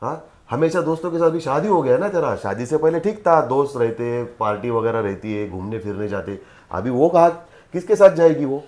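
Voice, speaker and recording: A man's voice: mid-range voice, expressive, fairly quick, dark tone, natural voice. An older man playing a worried father who reasons with and scolds his son in a family drama. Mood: persuading. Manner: pleading then scolding.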